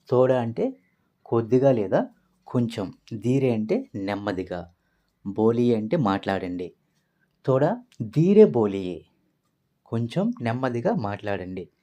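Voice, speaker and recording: A man in a language-lesson recording, breaking each phrase into its words and repeating it patiently. His pitch sits in the middle but moves around a great deal, so he sounds lively rather than flat. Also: a little slow, long pauses. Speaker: language teacher. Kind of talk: explaining phrases word by word.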